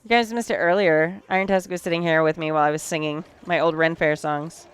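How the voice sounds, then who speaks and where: A woman's voice: low-pitched, fairly even intonation, brisk, clear, resonant tone. A woman streaming live from her sewing room late at night, tired, chatting casually with her viewers as she sews. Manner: chatty, talks to chat while working.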